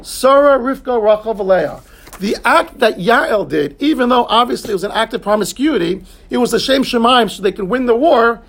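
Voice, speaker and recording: Man, rabbi giving a Talmud lesson, husky voice, high-pitched. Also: expressive, a bit bright. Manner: explains terms in English, quick asides to students. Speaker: rabbi teaching Talmud class. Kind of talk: Talmud class lecture.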